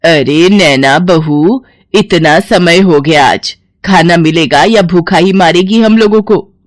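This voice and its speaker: A woman voicing a harsh older mother-in-law who scolds slowly and loudly in a cartoon story. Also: deep voice, animated, dry recording, clean studio sound. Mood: scolding. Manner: slow, loud, scolding.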